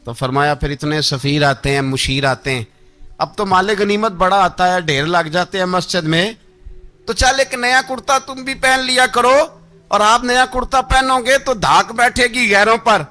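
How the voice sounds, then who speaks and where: A man preaching a religious sermon in a Pakistani Urdu accent, telling a story dramatically and acting out its speakers, rising to shouted rebukes. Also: high-pitched, steady tone, normal speed, faint music behind.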